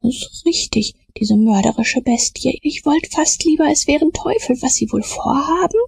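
A woman voicing a fearful rough country boy who speaks in hushed, clipped colloquial phrases. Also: sits high, animated, normal speed, dry recording, studio quality, voice pushed up, full character voice.

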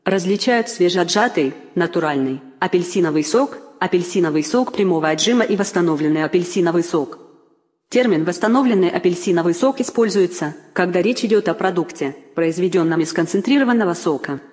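A robotic text-to-speech voice of a woman, pitched a little low, reads an encyclopedia entry in a stiff, mechanical way. Abbreviations come out letter by letter, and a long reverb tail hangs behind every phrase. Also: expressive, brisk, a little mellow. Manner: stilted machine reading, spells out abbreviations letter by letter. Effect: synthetic text-to-speech voice. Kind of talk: reading an encyclopedia article aloud.

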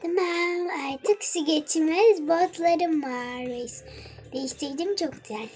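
A woman's voice: high-pitched, darkish tone. A young girl chatting to herself while playing a game, cooing at cute animals and talking things through. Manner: chatty, coos at baby animals, talks to herself. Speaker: gamer. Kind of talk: casual game commentary.

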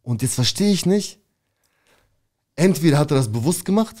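A young man from Berlin, an interview guest telling a story in a casual, slangy and animated way. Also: on the high side, moderate pace. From Berlin, Germany. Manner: slangy and animated, calls the listener "bro".

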